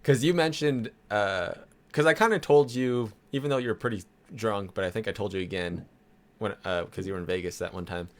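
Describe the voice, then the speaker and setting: A man's voice: fairly low pitch, brisk. A man co-hosting a podcast in casual chat, explaining things with small laughs. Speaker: podcast co-host.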